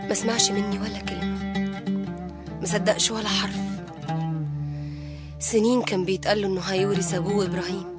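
Actress voicing grieving mother narrator, Egyptian Arabic accent, quick, strumming music under. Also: medium pitch, little pitch movement, natural voice. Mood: sorrowful. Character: Hagar, sorrowful mother narrating, bitter.

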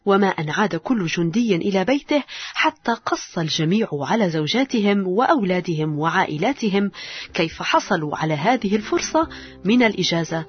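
A woman narrates a story with a gentle, expressive reading. Her voice is very husky and breathy, with a lively melody. The recording is dry and dull, with little high end. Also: brisk, soft background music.

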